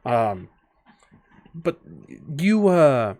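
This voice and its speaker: A man's voice: medium pitch, sing-song, extremely slow, a little mellow, dry recording. Rambling man game master. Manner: loose, thinking aloud with many fillers. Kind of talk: narrating a tabletop game.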